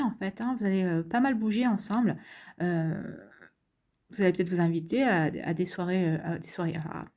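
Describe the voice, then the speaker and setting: Chatty woman reading cards, mellow voice. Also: mid-range voice. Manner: chatty, many fillers and restarts, reassuring. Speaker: tarot card reader. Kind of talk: casual spoken card reading to viewers.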